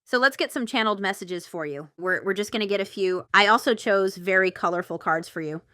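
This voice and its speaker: Speaking directly to the viewer, a tarot reader who hosts her own channel gives a casual, intuitive reading, chatty and thinking aloud with rambling asides. Her mid-range voice is brisk and sharp-toned, captured in studio quality with no echo.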